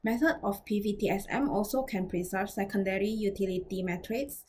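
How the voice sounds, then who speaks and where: A woman acting as a researcher reads a scripted academic presentation, formal and careful with slightly halting phrasing. Her voice is mid-range with a darkish tone, over slight background noise.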